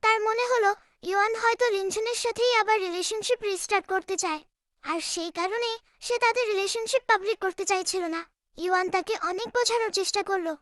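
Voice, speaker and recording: A woman narrating a scripted drama recap with a steady storytelling delivery. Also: very high voice, no echo, studio quality.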